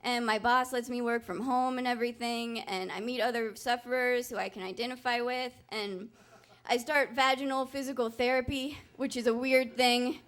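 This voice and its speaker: A woman's voice: fairly high pitch, steady tone, normal speed, a bit bright. A young woman telling a true story on stage at a live storytelling event, candid, wry and self-mocking.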